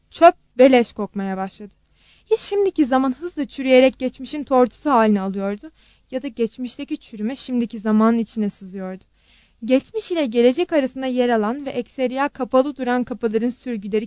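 A woman's voice: sits high, no room sound. Woman narrating an audiobook, dry close sound.

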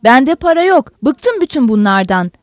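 A woman voices a weary male commander in an audiobook, snapping out short, impatient orders. The voice sits high and moves a lot. The recording is dry and close. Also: sing-song, moderate pace, no echo. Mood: curt, impatient. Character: stern weary male general, curt commander.

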